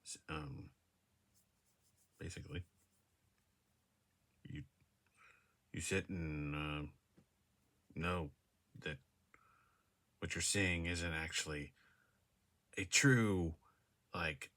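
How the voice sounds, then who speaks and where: A man with a very low but bright, edgy voice talks slowly to his device's camera from a room indoors. He rambles, hesitates and restarts with plenty of fillers. He often laughs at himself as he goes. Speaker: vlogger. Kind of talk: casual monologue to camera. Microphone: device camera mic.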